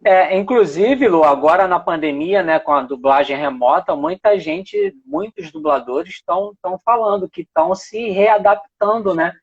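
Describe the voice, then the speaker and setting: Relaxed male host, dry muffled sound. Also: high-pitched, normal speed, few pauses, breathy edge, dry recording. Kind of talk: casual live chat.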